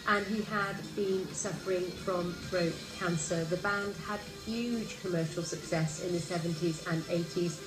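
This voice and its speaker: A woman news presenter reading the news in a measured, formal way. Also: on the low side. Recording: roomy, with music underneath.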